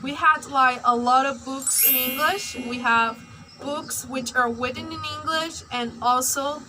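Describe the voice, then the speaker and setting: This young woman from Myanmar, a native Burmese speaker, vlogs about language learning in a chatty, personal way, packing her speech with "like." Her voice is high and steady, her pace measured, and there's noise in the background.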